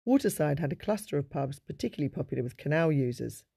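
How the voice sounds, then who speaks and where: In a measured, informative way, a man narrates local history with a slightly high, gravelly voice that has a mellow tone. He sounds animated, and the recording is close and dry with no room sound, with soft music in the background.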